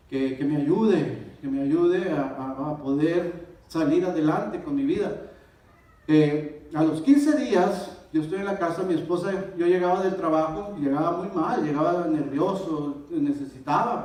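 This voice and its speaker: A man with a Mexican accent giving a personal testimony in church, telling his story with lively, acted-out dialogue. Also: on the high side. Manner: animated storyteller, acts out dialogue. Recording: echoey church hall, distant mic.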